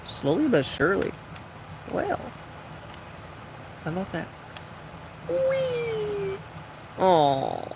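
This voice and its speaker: A young man with a slightly higher voice gives loose, rambling commentary as he plays, chatting to himself and the game. A faint hum sits behind his voice. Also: huge pitch swings, takes it slowly, gravelly, pauses often. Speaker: gaming vlogger. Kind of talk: casual gameplay commentary.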